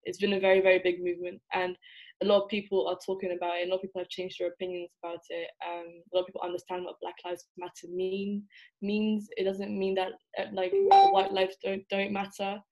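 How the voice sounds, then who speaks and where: Young woman from England, student guest, thoughtful and halting, on a call. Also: medium pitch, a little mellow, rough recording. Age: young adult. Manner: thoughtful, many fillers and restarts. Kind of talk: casual conversation.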